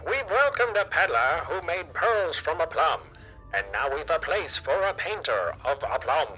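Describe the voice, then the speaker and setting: A man's voice: fairly high pitch, sing-song, moderate pace, husky, highs cut off, faint music behind, pitched above the performer's own voice. A man voicing a theatrical male jester announcer in a sing-song, old-timey showman delivery. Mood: showy.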